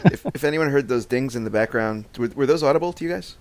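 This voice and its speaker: A man hosting a podcast in casual chat, relaxed and quick to laugh, steering the talk between segments. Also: medium pitch, no echo. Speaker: podcast host.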